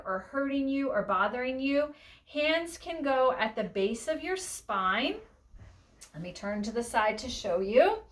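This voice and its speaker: Casting: woman yoga teacher, fairly high voice, instructive step-by-step delivery with casual check-ins. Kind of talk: spoken step-by-step demonstration lesson.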